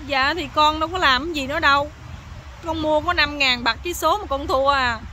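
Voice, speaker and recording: A woman's voice: sits high, a little fast, pushed and bright, a little hiss or hum. A woman voicing a meek, naive young husband who pleads mournfully, with a Southern Vietnamese accent. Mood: pleading.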